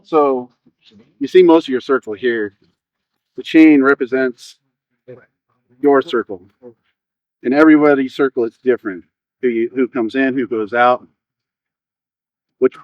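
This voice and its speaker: A man's voice: medium pitch, unhurried, long pauses, a little mellow, dry recording, lo-fi sound. A man officiating an informal ceremony, addressing the people gathered.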